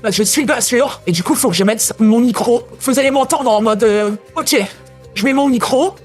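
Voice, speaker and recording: A man's voice: extremely high pitch, normal speed, faint music behind, voice pushed up. A man using a voice changer to pass as a twelve-year-old boy while playing a game, speaking in a playful put-on child voice. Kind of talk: gameplay commentary.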